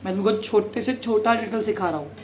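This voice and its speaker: A male teacher with a high-sitting, slightly mellow voice talks a little fast as he drills his class on grammar, firing questions and dropping English example sentences into his Hindi. He keeps asking "समझा?". The bare classroom echoes, with faint noise underneath.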